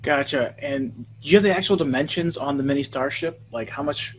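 A man's voice: a little high, a little fast, poor audio. A man moderating an online session, reading out audience questions casually with short acknowledgments. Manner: casual, brief acknowledgments, filler-heavy.

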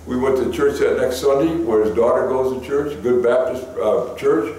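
A man pastor preaching a sermon in a folksy storytelling way, his voice climbing high when he gets stirred up. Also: moderate pace, darkish tone. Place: church sanctuary. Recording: echoey church from a distance.

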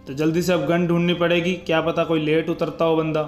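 A man's voice: fairly high pitch, little pitch movement, fairly quick, soft background music. A young man giving casual, chatty voice-over commentary on his gameplay as a gaming YouTuber, talking straight to his viewers. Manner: chatty, keeps saying "guys" and "bhai" to viewers.

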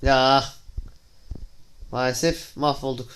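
A man's voice: mid-range voice, fairly even intonation, takes it slowly, fairly bright tone, smooth. A young man hosting a gaming channel, giving casual commentary on his play, exclaiming in frustration and talking to viewers as friends.

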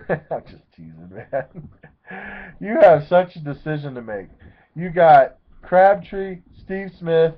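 A man's voice: on the high side, slow pace. Rambling man on tinny webcam audio. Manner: rambling, excitable, self-correcting. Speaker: fantasy football league commissioner. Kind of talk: casual webcam recap. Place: small room at home, seated in a leather chair.

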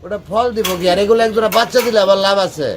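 A man's voice: high-pitched, racing, crowd noise. A man with a Bangladeshi accent, a farmer being interviewed, chatting casually about his trade in short answers.

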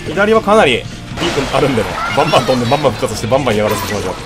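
A man giving casual, animated live commentary on a video game, talking to himself as he plays. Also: mid-range voice, rapid-fire, over music. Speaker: gameplay commentator.

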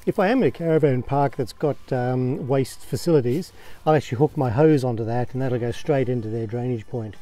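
An Australian camping vlogger with a mid-range, dark-toned voice walks a camera around his camping gear in his backyard beside a caravan. He talks casually, plainly and unhurriedly, with plenty of ums and uhs.

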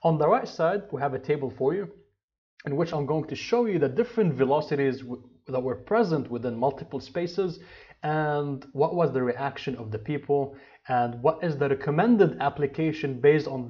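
A man in his thirties, an HVAC instructor, teaches an engineering course over slides in a mid-range voice on dull audio. He explains step by step, with restarts and fillers along the way.

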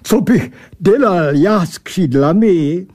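A man voicing a rude, boozy male creature made of barrels and bottles, talking slowly and boomingly in mangled speech sprinkled with German words. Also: expressive, a little mellow. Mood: gruff mocking.

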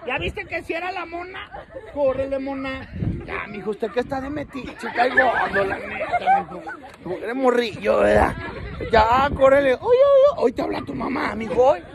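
A man with a Mexican accent hosting a street vlog, joking, teasing and shouting to people outdoors at night. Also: extremely high pitch, wildly swooping pitch, normal speed, creaky. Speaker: street prankster host. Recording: busy street with crowd chatter. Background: crowd chatter.

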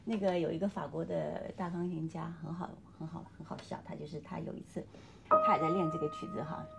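A woman's voice: low voice, fairly even intonation, a little fast, gravelly, very noisy. A woman piano teacher coaching a student, singing and humming phrases as she explains. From China. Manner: coaching, sings melodies and hums phrases. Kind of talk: piano masterclass instruction. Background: piano playing.

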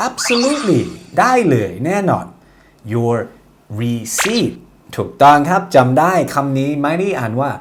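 A man with a Thai accent teaching English customer-service phrases in an online lesson, saying the English slowly and explaining quickly in Thai. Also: mid-range voice.

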